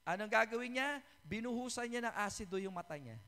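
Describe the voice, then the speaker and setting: A man's voice: high voice, expressive, fairly quick, bright, forceful tone. A male pastor preaching a sermon, mixing Tagalog and English and often checking in with the congregation. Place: church sanctuary. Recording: reverberant church hall.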